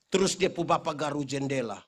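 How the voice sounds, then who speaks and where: A man's voice: fairly high pitch, lively intonation, a little fast. A male pastor with an eastern Indonesian accent, preaching a humorous sermon full of stories, acting out voices and calling out to the congregation. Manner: jokey, acts out voices in anecdotes, calls out to the crowd.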